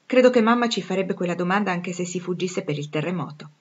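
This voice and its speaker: A woman's voice: fairly low pitch, animated, fast, slightly rough, highs cut off. Jo, a woman doing a blunt tomboyish girl. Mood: earnest.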